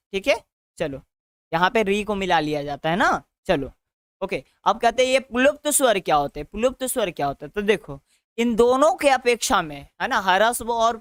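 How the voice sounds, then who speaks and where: A man's voice: high voice, fairly bright tone, clear, resonant tone, dry recording. A male teacher with a Bihari Hindi accent, giving an online grammar lesson by asking questions and answering them himself, often adding a tag question. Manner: drills students with repeated questions and answers.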